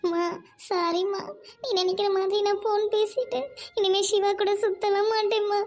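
A woman's voice: very high voice, steady tone, normal speed, darkish tone. A young woman playing a college girl in love, pleading tearfully with her mother. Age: young adult. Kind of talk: amateur audio drama.

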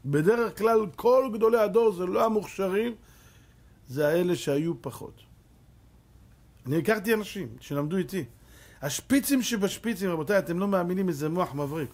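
A middle-aged man, a rabbi, giving a Torah lesson as an animated storyteller who acts out voices. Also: high-pitched.

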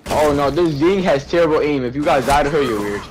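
A man's voice: a little high, lively intonation, quick pace. A man joking and cursing over voice chat with gaming friends, heavy on slang. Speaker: gamer on voice chat.

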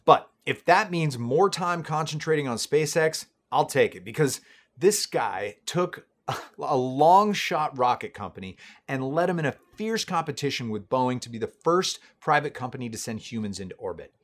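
A man's voice: medium pitch, lively intonation, moderate pace. A man in his thirties hosting a scripted comedy show, sarcastic and mock-boastful. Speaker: comedy web show host.

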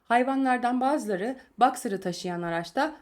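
A woman narrating a novel chapter aloud in a calm, measured storytelling manner. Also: a little high. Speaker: audiobook narrator.

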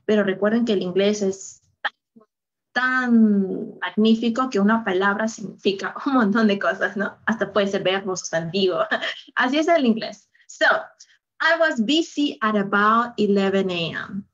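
A woman's voice: mid-range voice, unhurried, muffled recording. A woman teaching a live online English lesson, upbeat and full of praise, switching between Spanish and English.

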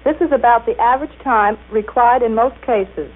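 Woman, rather high voice, formal scripted 1930s explanation, precise diction, tinny narrow recording. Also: normal speed. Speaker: machine operator being interviewed. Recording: tinny, band-limited 1930s radio recording.

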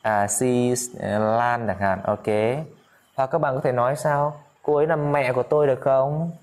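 A man with a mid-range voice leads a casual spoken lesson in a chatty teaching manner. He drills short phrases by repeating them slowly, and keeps addressing his listeners directly. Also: medium pitch, fairly even intonation. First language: Vietnamese. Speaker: English teacher.

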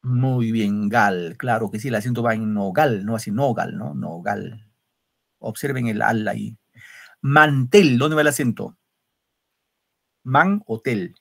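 A man's voice: medium pitch, a little slow, gravelly. A male secondary school literature teacher giving an online class over a video call, explaining step by step and often checking with students. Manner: explains step by step, keeps asking students questions with tag "¿no?".

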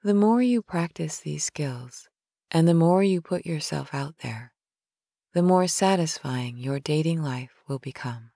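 A woman reading a guided sleep hypnosis in a slow, soothing, soft manner, with some phrases whispered. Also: deep voice, lively intonation, vocal fry, no echo, studio quality.

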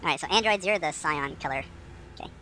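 A man's voice: on the high side, fast talker. Man sped up into a chipmunk voice. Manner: joking, cursing, loud outbursts. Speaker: online strategy game player. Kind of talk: casual gaming banter over voice chat. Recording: noisy sped-up game capture.

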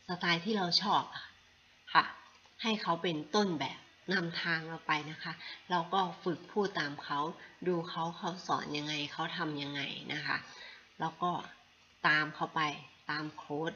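A woman's voice: deep voice, a little slow, bright, forceful tone. A woman who teaches English in a chatty, encouraging video lesson with many fillers. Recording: dull lo-fi sound with faint noise.

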